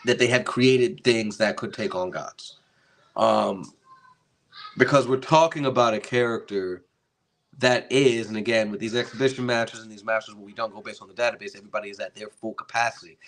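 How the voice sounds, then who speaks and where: A young man hosts a casual commentary, his voice sitting a little low. He reads entries aloud, halting and restarting on tricky invented names, then breaks off to muse over what he just read. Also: fairly bright tone. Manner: stumbles over long made-up words, thinks aloud; reads quoted text, then adds his own remarks. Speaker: host.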